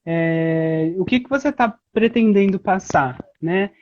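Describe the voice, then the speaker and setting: A woman's voice: on the low side, slow pace. Woman guest on a slightly muffled line. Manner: relaxed, explanatory, many "né" fillers, laughs easily. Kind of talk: casual interview chat.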